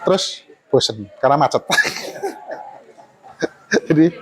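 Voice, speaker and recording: A man in his forties, speaking at a middle pitch, shares his career story in an easygoing way. He laughs often and slips casually into Javanese phrases, like a guest at a small forum. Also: lively intonation, unhurried, husky. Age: 40s. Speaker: architect guest.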